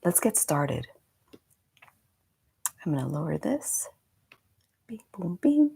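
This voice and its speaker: On a live stream, a meditation coach in her forties talks casually in a lowish, dark, creaky voice with a sing-song lilt and an unhurried pace. She's slightly congested and rambles with friendly asides, and there's a bit of background noise.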